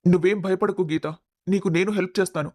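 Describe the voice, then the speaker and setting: A man voicing a caring young man in a storybook, calming a crying friend. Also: high-pitched, quick pace, no echo, studio quality. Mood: reassuring. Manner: calm, reassuring. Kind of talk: storybook voice acting.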